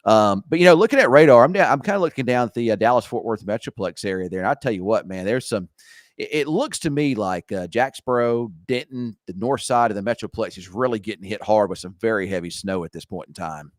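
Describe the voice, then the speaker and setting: Man, low voice, groggy, rambling weather chat, dry sound. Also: expressive, a little fast, dry recording. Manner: rambling, restarts and fillers, easygoing. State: groggy morning voice. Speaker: weather show host. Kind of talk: casual live weather chat. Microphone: video call screen share.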